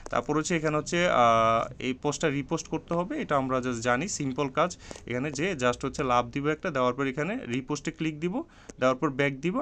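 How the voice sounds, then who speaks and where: A man walking viewers step by step through an online earning task, pausing often on drawn-out fillers and repeating steps. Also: medium pitch, a bit bright, slight background noise. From Bangladesh. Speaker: online earning tutorial host. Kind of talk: step-by-step screen tutorial.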